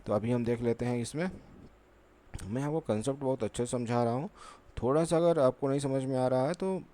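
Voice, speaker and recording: At a board, a man teaches a maths lesson, patient and repetitive, posing questions to himself and then answering them. His voice is medium-pitched, brisk and mellow. He keeps saying "ठीक है" and leans on rhetorical questions.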